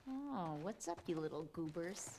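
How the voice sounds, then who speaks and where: A woman's voice: fairly low pitch, expressive, moderate pace, warm tone, a little hiss or hum, lightly acted. A woman playing a teasing, affectionate young mother at home in a naturalistic video game scene. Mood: playful. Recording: game music behind the voice.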